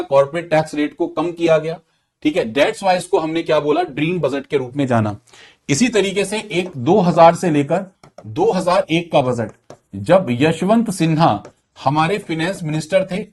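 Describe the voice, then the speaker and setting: A man's voice: a little high, darkish tone. A man giving an exam-prep lecture, often repeating key points and quizzing his students while mixing English terms into Hindi. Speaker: teacher.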